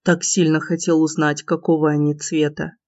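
A woman's voice: little pitch movement, normal speed, darkish tone, no room sound. A woman reading a cocky, smirking young man. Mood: teasing. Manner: smirking, low and murmuring. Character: cocky teasing young man, the heroine's lover. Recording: dull, slightly lo-fi dry recording.

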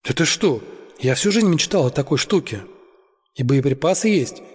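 A man voicing an excitable, boastful young man, in a husky voice. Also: fairly high pitch, normal speed, long reverb tail. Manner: eager, boastful.

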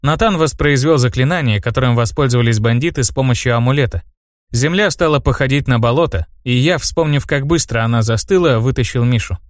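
A man's voice: medium pitch, a little fast, dry recording, studio quality. Man narrating a fantasy audiobook. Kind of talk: first-person audiobook narration.

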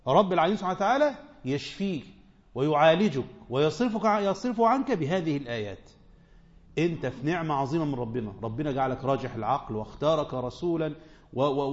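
An Egyptian man gives a religious lesson in a fairly high voice that rises and falls a lot. He keeps questioning his listeners and hammers home points with quick repeated phrases. The recording sounds dull and lo-fi. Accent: Egyptian Arabic. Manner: animated, asks the audience questions, repeats short phrases for emphasis. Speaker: sheikh teaching a tafsir lesson.

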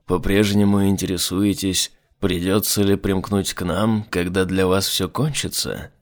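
A man reading aloud, voicing a suave male demon envoy in a put-on deep voice with slow, smooth, politely mocking speech. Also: steady tone. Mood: sly. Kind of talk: audiobook reading.

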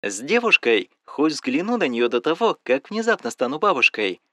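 A man's voice: on the high side, very animated, moderate pace, fairly bright tone, no room sound. A man voicing a worried, nosy middle-aged mother in audiobook dialogue, fussing and asking question after question. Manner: fussy, coaxing, keeps asking questions.

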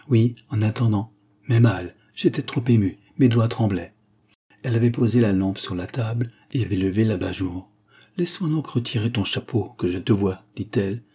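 A man narrating a classic novel in a steady, unhurried reading voice. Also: fairly low pitch, slightly rough. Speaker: audiobook reader. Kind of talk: literary narration.

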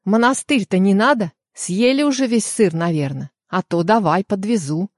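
A woman's voice: mid-range voice, normal speed, darkish tone, no echo, clean studio sound, lightly acted. A woman voicing a teasing older country sleigh driver in an audiobook, with folksy banter.

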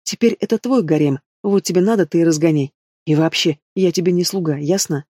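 A man voicing a feisty young fire-mage woman in an audiobook, answering with indignant, sharp retorts. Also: a little high, a little fast, dry recording, studio quality, natural voice. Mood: defiant.

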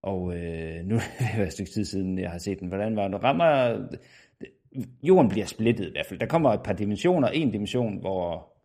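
Casting: low, gravelly male co-host from Denmark, halting casual recap. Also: animated, warm tone. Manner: hesitant, many fillers and restarts. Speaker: podcast co-host.

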